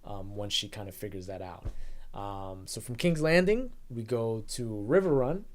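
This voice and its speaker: A man's voice: lowish voice, normal speed. A man co-hosting a casual TV review chat, talking animatedly and often acting out characters. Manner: animated, laughing, acts out characters. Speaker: podcast co-host.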